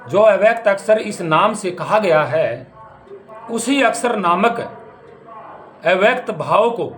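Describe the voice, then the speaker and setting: A man's voice: sits high, animated, takes it slowly, a bit bright. A man giving a spiritual discourse on scripture, speaking emphatically and posing rhetorical questions. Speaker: spiritual teacher.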